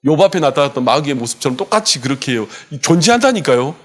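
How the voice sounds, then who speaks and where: A man's voice: fairly high pitch, big pitch swings, fast. Impassioned male pastor preaching. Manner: impassioned preaching, swinging from loud urgency to hushed softness. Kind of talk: sermon. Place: church sanctuary.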